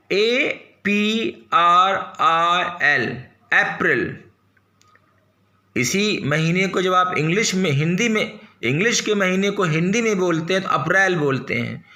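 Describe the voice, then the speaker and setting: A man teaches a pronunciation lesson, sounding out each word slowly and spelling it letter by letter. His voice is bright and a little high, and it rings in an echoey room. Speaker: English teacher.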